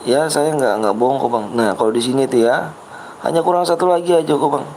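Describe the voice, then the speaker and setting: A man's voice: mid-range voice, brisk, a little mellow, a little hiss or hum, low-quality recording. A man hosting a game livestream, chatting casually with Jakarta slang, patiently reading comments and coaxing viewers over and over. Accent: Jakarta Betawi slang. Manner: patient, reads chat, repeats himself coaxingly.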